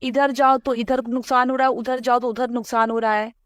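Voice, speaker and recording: A woman on a recorded phone call, talking anxiously with many hurried restarts. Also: on the high side, little pitch movement, dry recording. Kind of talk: worried phone conversation.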